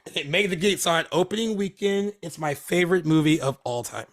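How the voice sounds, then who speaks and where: Still recovering from laryngitis, a Hermosa Beach, California man chats casually on the movie podcast he co-hosts, rambling with lots of fillers and false starts. His fairly high voice is expressive, a bit bright, and moves along fairly quickly.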